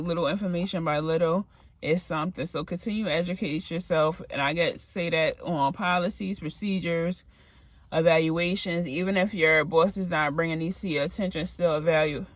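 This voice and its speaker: A woman's voice: lowish voice, moderate pace, dry recording. A woman vlogger who works as a medical assistant, chatting casually with advice, rambling from topic to topic and sounding tired and a bit out of breath. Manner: rambling, drifting between topics. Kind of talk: casual advice talk to camera.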